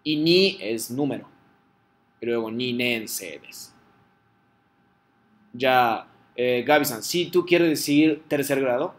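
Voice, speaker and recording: A man's voice: medium pitch, slow, pauses often. A man teaching a class in Spanish, explaining patiently step by step and checking in with his students. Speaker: Japanese teacher.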